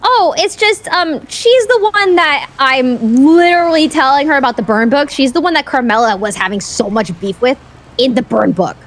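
A woman's voice: sits high, animated. A woman voicing an eager, naive, mischievous friend in improvised game role-play, gushing and hesitating as she chats. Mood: awkward, chatty. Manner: chatty, gushing, halting, hesitant asides.

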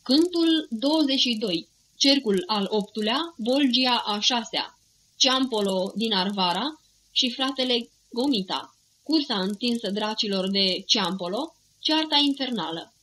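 A woman narrating an audiobook of epic verse in a measured, steady recitation. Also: a little high, slight background noise, rough recording.

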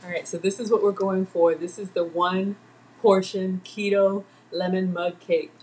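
The recording is low quality with a little hiss or hum, and the woman's medium-pitched voice is level, unhurried, and slightly mellow. A middle-aged home cooking host, she chats her way through a casual live demo in her kitchen, addressing viewers and naming commenters, filmed by a fixed camera at counter distance.

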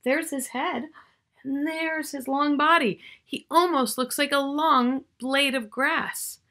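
Her voice is high-pitched and bright with a forceful edge, fairly even in intonation and slow in pace. She's a middle-aged woman indoors in a small furnished room at home, reading a picture book aloud to young children with expression, drawing out key words and chatting to the listener.

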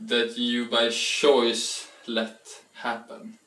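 This young cooking show host has a fairly bright mid-range voice, delivered completely flat and extremely slowly. He rambles playfully through his casual home cooking vlog, tripping into restarts while working at the sink of a small indoor kitchen. Recorded on a camera mic from across the room, the audio is echoey and distant.

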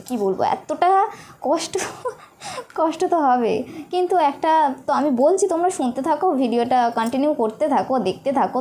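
A young woman, a new mother, tells her birth story in a casual, halting way, often stopping on fillers. Her voice sits a little high. Faint noise hums behind her. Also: a little mellow. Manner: halting, with many pauses and fillers.

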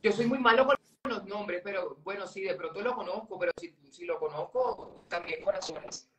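Speaking in a high-pitched voice at a moderate pace, a middle-aged Colombian man joins a casual live interview by video call as a guest presenter, relaxed and laughing a lot. The webcam picks him up from a distance in his home office with cabinets, giving a roomy sound, and crowd noise can be heard.

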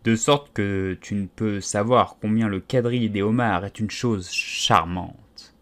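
Sad storybook turtle creature, put on by a man, mournful, tearful, slow. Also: on the low side, a bit bright. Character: weeping sorrowful Mock Turtle creature. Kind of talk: storybook character voice.

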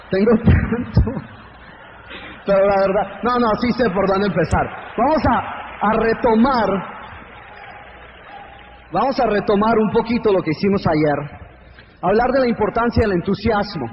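A man giving an energetic motivational seminar to a live audience, joking and firing rhetorical questions at the crowd. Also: high voice. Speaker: motivational speaker. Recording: echoey hall, dull lo-fi sound, faint noise.

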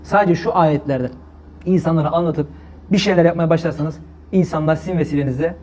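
A man's voice: a little high, fast talker, a little mellow. A man with a Turkish accent giving an impassioned religious talk to an audience, exhorting his listeners and reciting Arabic verses. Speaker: preacher.

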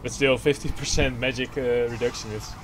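A man with a Dutch accent giving excitable play-by-play commentary on an esports match. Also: mid-range voice, brisk, noisy background. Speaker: esports caster.

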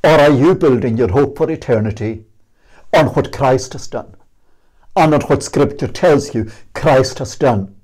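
Older Scottish minister, measured emphatic sermon delivery, unhurried, filmed from a fixed camera in a small room. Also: male voice, medium pitch, darkish tone, husky. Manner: earnest, emphatic questioning, slow and measured. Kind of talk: sermon and closing prayer. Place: small indoor room against a plain wall. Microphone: fixed camera at medium distance.

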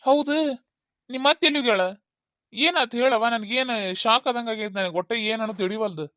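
A woman's voice: a little high, brisk, fairly bright tone, no echo, clean studio sound, lightly acted. Woman playing a fretful old village father-in-law. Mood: worried, bewildered. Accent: North Karnataka Kannada. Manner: fretful, rambling, repeats questions. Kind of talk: village comedy skit.

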